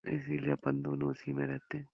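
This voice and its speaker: Gravelly-voiced young man on a phone call. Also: mid-range voice, sing-song, brisk, dry recording. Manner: affectionate, reassuring, rambling explanations. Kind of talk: intimate phone conversation. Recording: muffled phone call recording.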